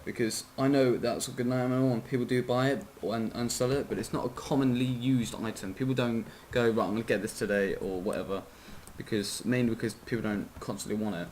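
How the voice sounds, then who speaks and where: A man's voice: mid-range voice, a little fast, hardly any pauses, a little mellow. A drowsy man talks through a casual game tutorial in an ordinary mid-range voice. He rambles, keeps apologizing, trips over numbers and corrects himself, with the odd swear. A faint hiss sits under his voice. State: sleepy, yawning.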